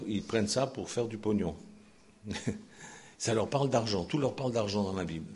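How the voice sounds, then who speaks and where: Animated older man preaching in a chapel. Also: medium pitch. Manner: warm, expressive preaching with laughter and sudden shifts between loud and hushed. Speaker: pastor. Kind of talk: sermon.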